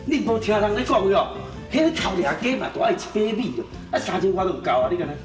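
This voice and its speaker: An actor playing a cocky, scheming small-time kidnapper, talking in a brash, mocking, boastful way. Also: male voice, high voice, sing-song, quick pace, roomy sound, recorded from a distance, over music.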